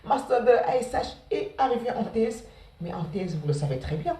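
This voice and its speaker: A woman in her forties with a Senegalese accent, talking fast and casually to students about her studies, repeating words and leaning on fillers. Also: a little high, very animated, mellow, recorded from a distance. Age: 40s. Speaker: care assistant sharing her study path. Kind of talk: casual spoken testimony to students. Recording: roomy sound, from off the mic.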